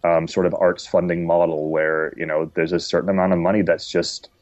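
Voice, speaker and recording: A man's voice: low voice, little pitch movement, fairly quick, no room sound. A man giving a casual interview as an independent series maker, talking in a thoughtful, discursive, earnest way. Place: at home. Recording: dull, muffled lo-fi audio.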